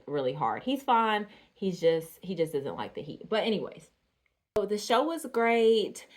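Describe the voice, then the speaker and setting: A woman from Georgia talks casually to her viewers, filling pauses with ums and soft laughs. Her voice sits a little low for a woman. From Georgia, USA. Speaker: doll artist vlogger. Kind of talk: casual chat to camera.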